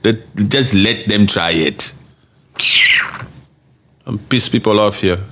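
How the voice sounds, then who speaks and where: A man's voice: fairly low pitch, slow. A man hosting a podcast, chatting casually and reading viewer comments aloud, emphatic and laughing often. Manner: animated and emphatic, laughs often, repeats phrases for effect. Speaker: podcast host.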